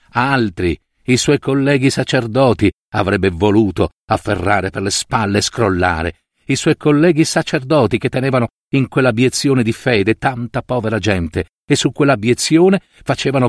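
A man reading a literary short story aloud with expressive, dramatic storytelling. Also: on the low side, dry recording, clean studio sound. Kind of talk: literary audiobook narration.

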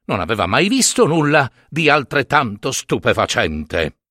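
A man narrating a myth as a storyteller, lively and theatrical, giving each character a voice. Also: mid-range voice, measured pace, dry recording, studio quality.

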